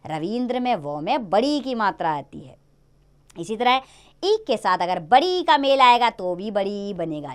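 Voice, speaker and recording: With a smooth voice that's a little high, a woman teaches children grammar, laying out the rules step by step. Her explaining is lively and sing-song, and she stresses each example.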